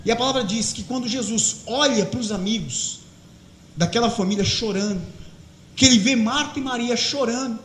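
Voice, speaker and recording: A man's voice: very high-pitched, moderate pace, a little hiss or hum. A man, a pastor preaching a sermon with impassioned, rising delivery. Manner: impassioned, builds to shouting. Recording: roomy echoey hall.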